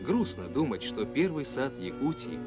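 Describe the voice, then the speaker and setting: A man reading scripted documentary narration in an old newsreel manner, measured and solemn, on a 1980s Soviet film soundtrack. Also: medium pitch, big pitch swings. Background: music.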